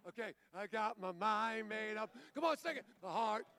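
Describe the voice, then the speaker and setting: A man's voice: high voice, animated, moderate pace, bright, forceful tone. A man preaching a sermon as pastor, exhorting the congregation, calling for amens and stumbling into stammered restarts. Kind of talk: sermon with congregation call-and-response.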